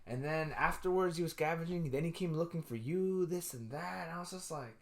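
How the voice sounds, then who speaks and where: A man's voice: a little high, a little fast. A young man co-hosting a podcast, telling stories in a loose, profane way and dropping Spanish slang. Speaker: podcast co-host. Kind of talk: casual chat.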